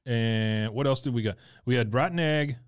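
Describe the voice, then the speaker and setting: A man's voice: mid-range voice, normal speed, smooth. A man co-hosting a casual chat while taste-testing candy, making wry, joking asides. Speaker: podcast co-host.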